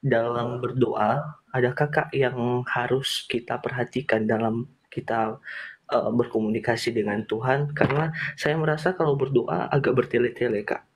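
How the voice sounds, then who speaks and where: A man calls in with a polite, deferential question. His voice sits at an ordinary middle pitch and stays plain and respectful throughout. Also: fairly even intonation, moderate pace, husky. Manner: polite and deferential, addresses her as "Kak". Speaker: caller asking a question.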